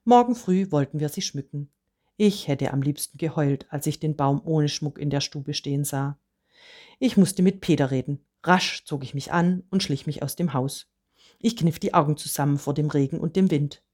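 A woman reading a first-person storybook aloud with calm, measured narration. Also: low-pitched.

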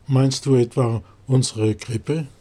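A man's voice: mid-range voice, fairly even intonation, slow pace, mellow. A man voicing a scornful, know-it-all donkey in a storybook nativity crib, mocking and sneering.

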